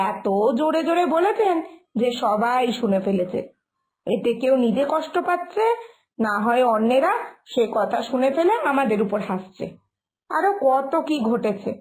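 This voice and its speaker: A woman voicing an exasperated young village daughter-in-law in a cartoon, who scolds her mother-in-law for talking too loudly. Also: sits high, rough recording. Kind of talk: Bengali cartoon voice acting.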